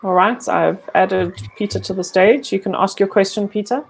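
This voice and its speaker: A woman moderating an online meeting, brisk and polite. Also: mid-range voice, vocal fry, breathy edge, low-quality recording. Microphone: video call.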